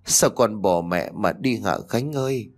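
A man's voice: lowish voice, lively intonation, a little slow. A man voicing a grieving middle-aged mother who talks through sobs in a spoken ghost story. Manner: sobbing, lamenting.

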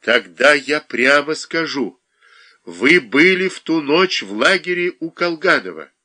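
A man reading aloud, voicing an angry young woman who makes sharp accusations. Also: a little high, animated, unhurried, heavily acted. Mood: accusing.

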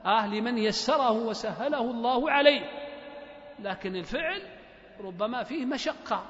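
A Libyan man with a very high voice gives a mosque lecture in a rhetorical style, repeating key phrases and asking the listeners quick questions. His voice rings through a large hall with a long echo. The recording is slightly dull and lo-fi. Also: a bit bright. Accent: Libyan Arabic. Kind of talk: religious lecture.

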